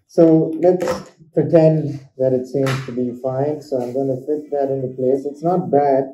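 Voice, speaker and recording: A man's voice: medium pitch, steady tone, unhurried, dark tone, slight background noise. A man, a dentist, talking through a face mask in a casual review, explaining step by step as he demonstrates. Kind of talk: casual product review vlog. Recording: roomy, dull lo-fi sound.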